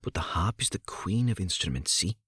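A man's voice: low voice, animated, fairly bright tone, husky, dry recording, clean studio sound, full character voice. A man doing a jittery young bard. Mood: anxious. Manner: anxious, hurried denials. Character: nervous young male bard, eager to please.

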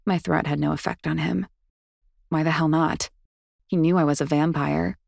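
A woman's voice: low voice, fairly even intonation, normal speed, gravelly, a little mellow, no echo, studio quality. A woman narrating first-person audiobook fiction with intense, emotional delivery.

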